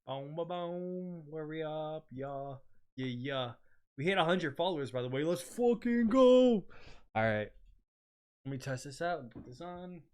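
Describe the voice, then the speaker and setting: A man livestreaming a game in casual, slangy, excitable chat, often exclaiming and repeating his phrases. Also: mid-range voice, normal speed, clear, resonant tone. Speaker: game streamer.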